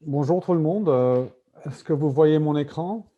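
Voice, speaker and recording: A man with a fairly high voice speaks a little slowly, and the audio sounds narrow and tinny. He is a native English speaker from Britain giving a conference presentation in French with a British accent, hesitantly searching for words. He is an invited speaker and a medical simulation executive.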